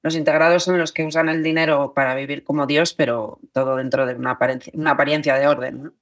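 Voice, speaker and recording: A woman's voice: low voice, steady tone, fast. A woman, a journalist and author talking as a podcast guest, thinking aloud with many fillers and restarts. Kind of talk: podcast interview.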